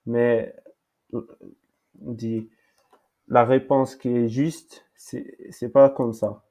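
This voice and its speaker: A man giving a language lesson in French, slowly repeating words, with many fillers and pauses. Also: medium pitch, level tone, dark tone. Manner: halting, many fillers and repetitions. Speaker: language teacher.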